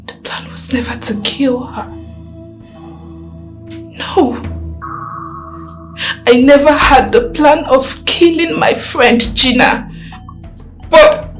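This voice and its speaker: An actress playing a carefree, independent young woman in a film drama, with a Nigerian accent. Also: fairly high pitch. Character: carefree, independent young woman who resists being fussed over.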